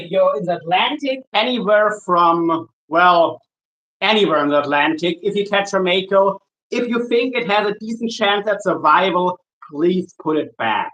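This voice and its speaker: A man from Germany, a shark angler chatting casually with viewers while he works, easygoing and halting, often restarting his sentences. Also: high voice, fairly bright tone, poor audio. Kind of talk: casual livestream chat while working.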